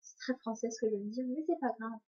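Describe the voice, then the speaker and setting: A young woman with a slightly high voice rambles through viewer questions in a casual vlog. She trips over her words and laughs at her own slips. The sound is dull and lo-fi, like a cheap webcam mic. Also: fast, dark tone, husky. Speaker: vlogger answering viewer questions. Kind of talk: casual chat to camera.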